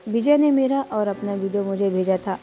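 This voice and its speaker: Mellow-voiced woman telling an emotional story. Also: mid-range voice, fairly quick, poor audio. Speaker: storyteller and channel host. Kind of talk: first-person story narration.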